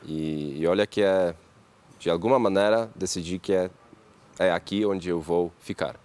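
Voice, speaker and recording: A Polish company CEO with a Polish accent is interviewed as a guest. His low, slightly mellow voice carries a pragmatic, optimistic, and measured way of talking.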